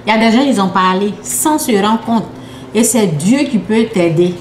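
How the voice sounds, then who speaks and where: A woman preacher giving a sermon with personal testimony, emphatic and repetitive, sometimes dropping to a hush. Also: mid-range voice, lively intonation, moderate pace, slight background noise. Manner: emphatic, repetitive, drops to hushed tones. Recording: echoey room with faint ambience.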